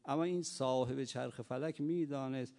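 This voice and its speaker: A man preaching a sermon, telling stories and moving from soft speech to loud emphatic cries, in a reverberant hall. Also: medium pitch. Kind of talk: sermon with storytelling.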